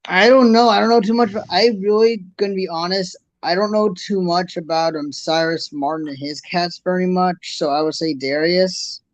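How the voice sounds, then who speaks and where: A man's voice: high-pitched, steady tone, normal speed, few pauses, no room sound, rough recording. A man chatting on a stream, answering hesitantly and hedging. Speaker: stream participant. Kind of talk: casual chat.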